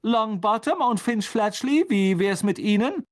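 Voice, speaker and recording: A man's voice: high voice, lively intonation, measured pace, voice pushed up. A man voicing a vain, flustered male wizard teacher who talks in a showy, eager, fussy way. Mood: bustling.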